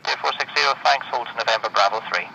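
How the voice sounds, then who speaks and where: A man's voice: mid-range voice, very fast, vocal fry, highs cut off. A man speaking as an air traffic controller over aviation radio, giving clipped instructions through crackling noise. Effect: radio transmission.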